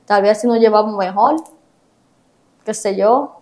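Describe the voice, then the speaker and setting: A woman's voice: medium pitch, measured pace, warm tone. A young woman, telling her story as an interview guest, hesitant and repeating herself.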